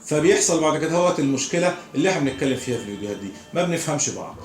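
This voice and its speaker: A man with an Egyptian Arabic accent teaching English pronunciation, explaining slowly and repeating example words. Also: on the high side, expressive, reverberant. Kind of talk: recorded lesson.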